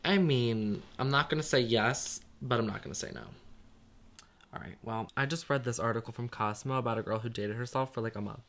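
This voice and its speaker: A man's voice: medium pitch, fairly quick, a bit bright, close to an everyday voice. A young man playing a frank, laid-back friend giving advice in an amateur short film. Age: young adult.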